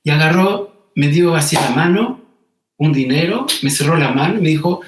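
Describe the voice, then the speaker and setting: A man's voice: fairly high pitch, moderate pace. A man, telling a personal story as an interview guest in an earnest, emotional manner with frequent repetitions. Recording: roomy echo.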